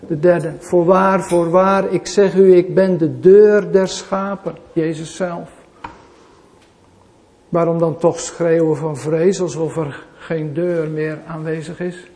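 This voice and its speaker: This pastor's sermon moves between loud proclamations and quiet side remarks, circling back repeatedly to a single rhetorical question. His voice is a little high and steady in tone, and he takes his time.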